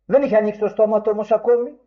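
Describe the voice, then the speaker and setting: A man's voice: sits high, fairly even intonation. A man preaching a sermon in old-fashioned, formal phrasing. He speaks with emphasis and his voice rises sharply when he quotes. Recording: dull lo-fi recording.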